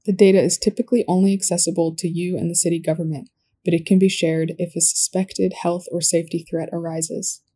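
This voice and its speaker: A woman reading a scripted second-person story in a calm, even storytelling manner. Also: lowish voice, fairly quick, breathy edge. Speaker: narrator.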